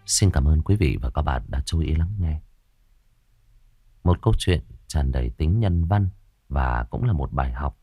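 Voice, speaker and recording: A man narrating a Vietnamese-style ghost story in a lively, dramatic way. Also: a bass voice, normal speed, husky, no echo. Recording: dry close mic with soft music.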